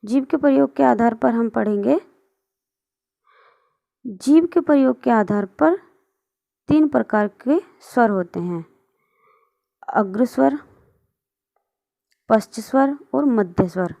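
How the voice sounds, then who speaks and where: Patient woman teaching grammar, gravelly voice. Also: fairly high pitch, lively intonation, takes it slowly, pauses often, mellow. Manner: patient, asks and answers own questions. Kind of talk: online lesson explaining on screen.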